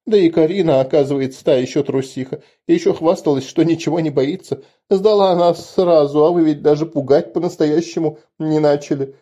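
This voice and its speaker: A man's voice: a little high, fairly quick, few pauses, dark tone, voice pushed up, natural voice. A man voicing a playful young concubine who talks in a sulky, teasing way. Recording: dull lo-fi recording.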